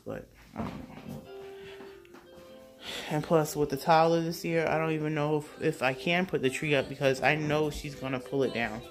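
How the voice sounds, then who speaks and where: Low-voiced chatty mom vlogger. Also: female voice. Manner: chatty, rambling with fillers. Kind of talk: casual chatty vlog. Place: home apartment kitchen and living room. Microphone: phone camera held close or propped.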